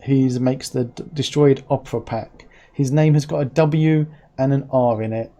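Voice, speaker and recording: Mellow man saying w for r. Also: medium pitch, normal speed. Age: 40s. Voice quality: can't say r's, pronouncing them as w's. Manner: chatty, anecdotal, rambling. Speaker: host. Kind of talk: casual live-stream chat.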